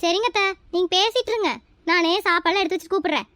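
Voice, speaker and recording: A woman's voice: very high-pitched, fast talker, no room sound. A woman playing a chatty, cheeky young daughter-in-law in a family comedy skit. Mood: eager. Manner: lively, cheeky.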